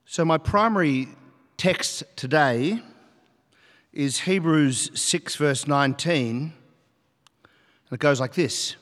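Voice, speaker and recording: A male preacher leading a prayer and opening his sermon in a deliberate, prayerful manner. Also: on the high side, fairly bright tone. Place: church. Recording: long reverb of a church.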